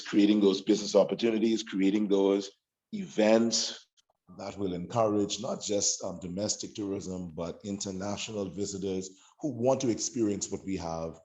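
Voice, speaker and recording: A man giving formal thank-you remarks over a video call, measured, with many pauses. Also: low-pitched, darkish tone, rough recording. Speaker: speaker giving opening remarks.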